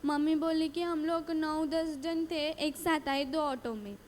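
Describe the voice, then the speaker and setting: A woman's voice: high-pitched, steady tone, measured pace, a little hiss or hum. A woman giving a personal faith testimony at a retreat, telling her story earnestly, repeating phrases and acting out dialogue.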